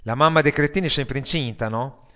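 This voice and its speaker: A sardonic metalhead worker who grumbles and swears about his job, as a male audiobook reader puts him on. His tone is loud and coarse at a plain middle pitch. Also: a little fast, lightly acted. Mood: grumbling.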